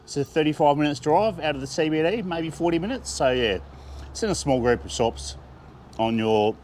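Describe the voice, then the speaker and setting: A man's voice: medium pitch, a little mellow, a little hiss or hum. A man with an Australian accent, chatting with enthusiasm as he reviews food and laughing often. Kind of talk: casual food review vlog.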